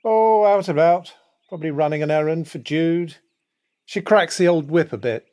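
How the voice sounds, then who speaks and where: In an audio drama, a British man plays a genial, self-deprecating fifty-year-old house husband, sounding casual and hesitant. His husky voice sits fairly high and moves at a normal speed, warm and close to how he'd talk every day.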